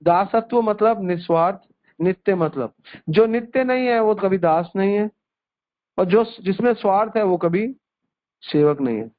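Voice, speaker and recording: High-voiced man teaching over a phone line. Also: measured pace. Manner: explains verses word by word, repeating phrases. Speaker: spiritual teacher. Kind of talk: devotional discourse on scripture. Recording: tinny conference-call phone line.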